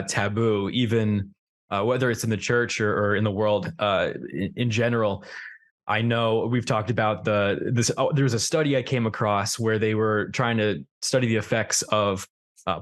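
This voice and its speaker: A young man hosts a podcast interview in a somewhat low voice. He talks in a relaxed, thoughtful way, often pausing on fillers as he builds his points. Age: young adult. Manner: conversational, thoughtful, with many fillers. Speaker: podcast host.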